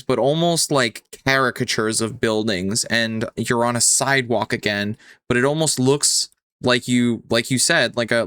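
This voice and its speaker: A man narrating as game master, describing scenes slowly with some ums. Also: medium pitch, a bit bright, clear, resonant tone, no echo, clean studio sound.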